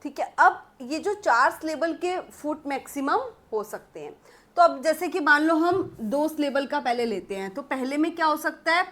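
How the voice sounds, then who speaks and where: A young woman teaching English literature in a patient classroom-style lecture, slowly reading English definitions and explaining them. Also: sits high, animated, a bit bright. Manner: explains patiently, calls students "beta", slow English read-outs.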